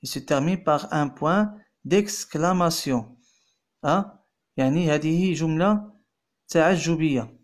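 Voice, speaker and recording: A man teaching French grammar, explaining and repeating phrases slowly, then translating into Arabic. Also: on the high side. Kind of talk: bilingual grammar lesson.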